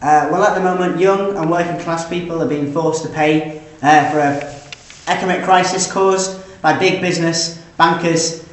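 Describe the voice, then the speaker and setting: A man's voice: on the high side, steady tone, normal speed. A young man, a student activist, answering interview questions in an earnest, speech-like way with many "uh" fillers and restarts. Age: young adult. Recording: very echoey room.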